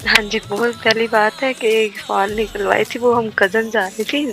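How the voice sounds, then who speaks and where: A woman's voice: fairly high pitch, level tone, measured pace, loud music behind the voice. A woman from Pakistan calling in to a radio show over a distant internet line, speaking matter-of-factly. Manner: matter-of-fact, telling a story plainly. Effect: voice heard over an internet call-in line on the radio. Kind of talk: casual phone-in chat with host.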